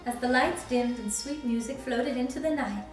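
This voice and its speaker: In a high voice at normal speed, a woman takes on a princess role to read a storybook expressively to young children. Sweet and encouraging, she invites them to join in; the recording is very echoey, with a distant mic and faint music behind her.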